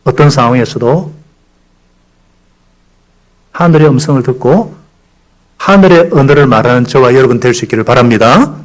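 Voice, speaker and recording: A man preaching a Sunday sermon as pastor in a church. He leads the congregation through call-and-response recitations and tells stories in an animated way, acting out the quotes. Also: mid-range voice, normal speed, long pauses, low-quality recording. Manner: animated storytelling with acted-out quotes. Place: church sanctuary.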